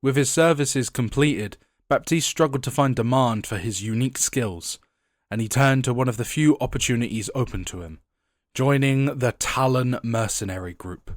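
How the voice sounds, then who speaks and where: Reading out game lore for a video essay script, a young man with a stuffy head cold drops casual asides along the way. His medium-pitched voice comes through with studio quality and no echo.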